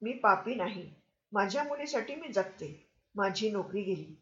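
A woman's voice: medium pitch, animated, a little slow, a bit bright, a little hiss or hum. A woman reading the part of a poor, feverish mother who is bitter and desperate, and who reproaches and pleads. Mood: reproachful. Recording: roomy, slightly dull recording.

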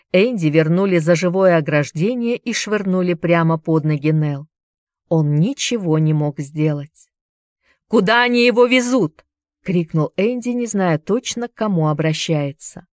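A woman narrates a novel in a steady, measured audiobook reading. Her voice sits fairly low, and the recording is dry and close, with no room around it. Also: no room sound. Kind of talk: scripted narration.

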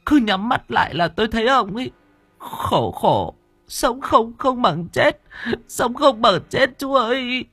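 A woman's voice: on the high side, very animated, measured pace, a bit bright, breathy edge, dry recording, faint music behind, voice pushed up, heavily acted. A man voicing a guilt-ridden older woman who is crying, stammering and begging in an audiobook. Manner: stammering, wailing, pleading. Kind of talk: audiobook character voice.

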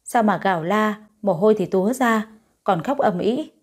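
A woman's voice: medium pitch, normal speed, lightly acted. Woman voicing a worried, fussing older mother. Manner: anxious, fussing.

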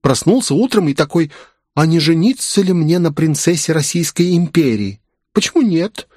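A man's voice: a little high, expressive, normal speed, darkish tone, dry recording, studio quality, pitched above the performer's own voice. A man voicing a haughty, scheming young princess who talks sharply and mockingly. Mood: irritated.

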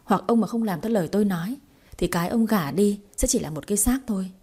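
A woman's voice: medium pitch, expressive, mellow, breathy edge. A woman voicing a fierce, defiant young sister. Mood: defiant fury. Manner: fierce, accusing, rapid.

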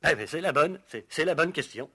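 An actor in an old French radio show playing a resentful, gossipy household servant who is hesitant, evasive and insinuating under questioning. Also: male voice, a little high, animated, a little fast, sharp tone, breathy edge, exaggerated voice. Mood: defensive.

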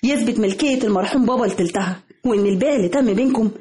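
A woman's voice: on the high side, very fast, warm tone, natural voice. An actress with an Egyptian accent playing a defiant young woman claiming her inheritance in a radio drama, speaking with determination.

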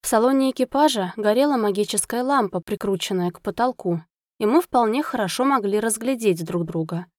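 Female audiobook narrator, fairly high voice, expressive first-person delivery, dry close studio sound. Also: brisk, dry recording.

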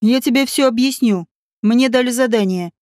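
A woman voicing an angry, impatient man who shouts and curses, reading from a storybook. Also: a little high, normal speed, no room sound, studio quality, close to an everyday voice. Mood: furious.

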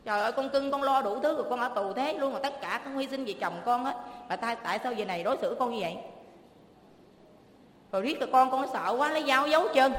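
A middle-aged woman with a Southern Vietnamese accent, telling her own life story in an emotional, pleading rush of words. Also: on the high side. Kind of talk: emotional personal testimony. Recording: echoey hall with faint ambience.

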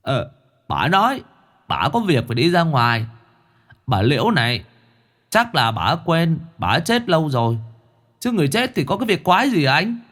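A cheeky young male ghost, put on by a man, calls out in a high, lively voice. He teases and shouts. It belongs to a spoken horror story. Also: normal speed, long pauses. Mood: mocking.

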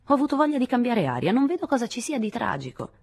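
A woman's voice: fairly high pitch, sing-song, quick pace, vocal fry, a little mellow, husky, voice pushed up, heavily acted. A woman reading aloud a resentful, irritable man in an audiobook of a literary novel, giving his lines a curt, hostile edge. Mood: irritated. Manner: curt and irritated, then suddenly tender. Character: resentful American man, the narrator's lover.

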